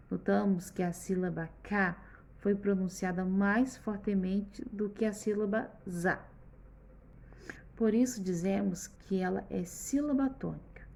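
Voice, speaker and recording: Gravelly-voiced teacher guiding children. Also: female voice, medium pitch, warm tone. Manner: patient, explains step by step, often checks in with the children. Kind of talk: remote schoolbook lesson for children.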